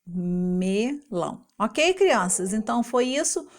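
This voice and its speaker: A woman's voice: a little high, expressive, normal speed. Patient teacher woman sounding out syllables. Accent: Brazilian Portuguese. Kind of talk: explaining homework to young children.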